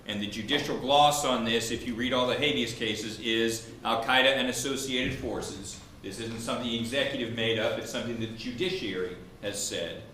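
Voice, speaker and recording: A man's mid-range voice, pushed and bright, argues a legal point at normal speed with few pauses. He is a law professor debating indoors at a law school event, explaining methodically and posing questions only to answer them himself. The audio carries roomy echo and a faint background hum.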